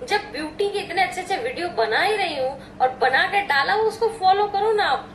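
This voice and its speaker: Very high-voiced giggly woman doctor. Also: expressive, normal speed, fairly bright tone, a little hiss or hum. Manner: chatty, giggly, tells stories playfully. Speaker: doctor and vlogger answering live chat questions. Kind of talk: casual live chat. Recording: roomy echo.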